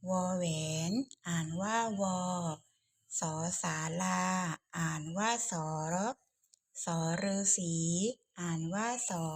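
A woman teaching the alphabet to children, reading each letter slowly and clearly in a steady repetitive drill. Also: lowish voice.

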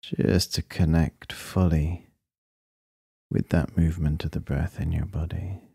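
A man's low, mellow voice, gravelly with a breathy edge, guides a breathing meditation. He talks slowly and soothingly, pausing at length between short, calm phrases, in clean studio sound with no room noise.

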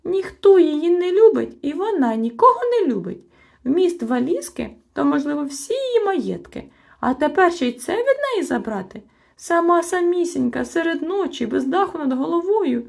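A woman voicing an excitable old male rat-like creature from a storybook, shrill, loud and sentimental. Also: moderate pace, creaky, hardly any pauses, heavily acted. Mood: tearful.

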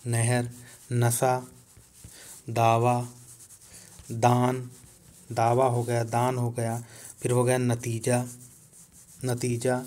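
A man teaching a lesson, reading a word list slowly and saying each word twice. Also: mid-range voice, a little mellow. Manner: slow, repeats each word twice while writing on a board.

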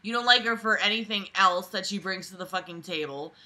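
A woman in her twenties reads briskly in a medium-pitched, bright, pushed voice. Lying on a bed in a small bedroom, she interrupts herself with casual profanity and sarcastic, exasperated mockery of what she's reading.

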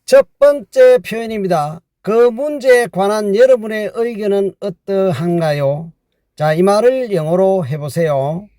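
A man teaching a spoken language lesson, patiently repeating phrases slowly for learners. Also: high-pitched, animated, dark tone, no room sound, clean studio sound.

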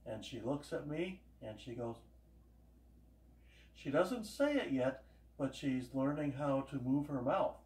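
Speaking a little slowly with long pauses, an older man in the mid-range with a slightly mellow sound and lively intonation rambles through homespun stories while cooking. This home cooking vlogger's casual demonstration is caught by a camera across the room, so his voice is distant in the echoey kitchen.

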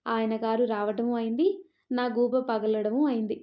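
A woman narrator voicing an exasperated young mother who is sharp-tongued with her sister. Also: a little high, flat delivery, moderate pace, highs cut off, natural voice.

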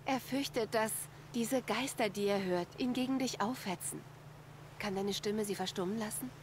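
An actress voicing a young woman hunter and heroine in a video game, speaking in a calm, composed, reassuring way. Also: medium pitch, normal speed, a little hiss or hum, lightly acted.

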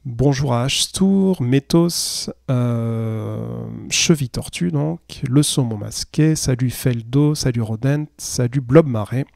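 Mellow-voiced male streamer and reader. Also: mid-range voice, creaky, no room sound, studio quality. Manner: measured reading; chat full of fillers. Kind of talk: literary reading, then casual stream chat.

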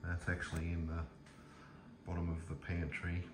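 A man's voice: low voice, monotone, normal speed, background noise. A man casually showing his kitchen and pantry on a handheld phone, rambling with lots of fillers and restarts. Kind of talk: casual home tour, filmed on phone. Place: home kitchen and pantry, indoors. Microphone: handheld phone camera.

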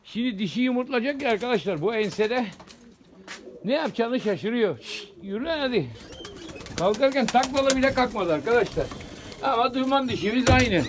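A man's voice: extremely high pitch, lively intonation, normal speed, a little hiss or hum. A man vlogging outdoors at his pigeon loft, talking casually to his viewers, chatty and repeating words as he watches his birds fly.

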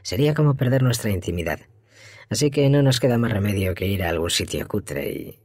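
A man voicing a calm, troubled male actor who speaks in a halting, uncertain, musing way. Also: on the low side, dry recording, clean studio sound. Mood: complaining. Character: troubled male actor, calm, confused about his own guilt.

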